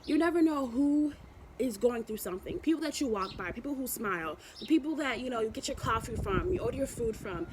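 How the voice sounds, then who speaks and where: Animated and brisk, a fairly high-pitched woman offers motivational chat on her YouTube vlog over slight background noise. She tends to ramble warmly, repeating herself and starting over often.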